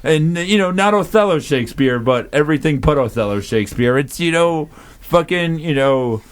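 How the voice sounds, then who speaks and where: A man's voice: on the high side, lively intonation, moderate pace, clear, resonant tone. Rambling man on a comedy podcast. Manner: rambling, many restarts and fillers, swearing. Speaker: podcast co-host. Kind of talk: casual comedy podcast chat.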